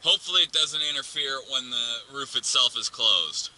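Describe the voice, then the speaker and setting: A man with a medium-pitched voice talks at a moderate pace, casually thinking aloud as a vlogger while showing how to install a radio inside a car. The hands-on tutorial is recorded in a noisy car interior full of clicks.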